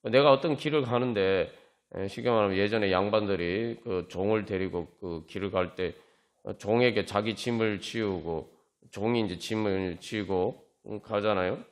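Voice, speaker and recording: A man's voice: fairly low pitch, moderate pace. A male pastor giving a conversational sermon at a prayer meeting, often acting out sample prayers in quoted voices.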